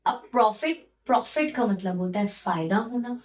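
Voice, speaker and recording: A woman's voice: mid-range voice, animated, normal speed. A young woman teaching English vocabulary, explaining word meanings in Hindi mixed with English, her throat a little sore. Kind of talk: vocabulary lesson.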